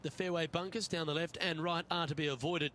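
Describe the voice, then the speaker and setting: A man's voice: fairly high pitch, fairly even intonation, fairly quick, a bit bright, a little hiss or hum. A man giving golf commentary as a commentator.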